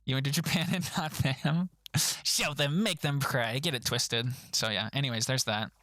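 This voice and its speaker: A young man chats casually on his stream about his trip, laughing a lot and mimicking people in high voices. His tone is bright and sharp. The sound is dry and close. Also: moderate pace, no room sound. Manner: laughs often, animated storytelling with high-pitched quoted voices. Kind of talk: casual stream chat reviewing trip photos.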